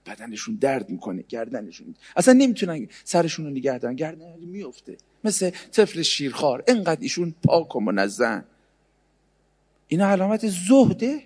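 A man giving a humorous sermon, sarcastic, swinging between loud and hushed delivery. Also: fairly high pitch, in a large hall. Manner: sarcastic, mimics others in mocking voices. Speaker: religious speaker.

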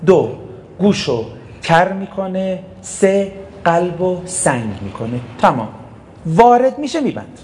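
A man's voice: sits high, very animated, a little mellow, a little hiss or hum. A man preaching a sermon, emphatic, asking rhetorical questions and answering them himself. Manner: storytelling preacher who acts out short quotes. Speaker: cleric preacher.

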